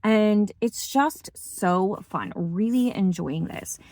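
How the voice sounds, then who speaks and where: A woman's voice: medium pitch, slow pace, darkish tone, no room sound. A woman chatting enthusiastically about her reading in a casual book vlog. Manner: enthusiastic, chatty, lots of fillers. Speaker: book vlogger.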